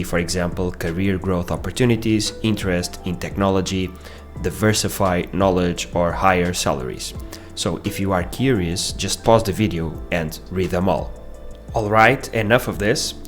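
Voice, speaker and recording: A man in his thirties from Portugal with a Portuguese accent, giving a measured, explanatory scripted narration for his own video. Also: low-pitched. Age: 30s. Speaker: vlogger.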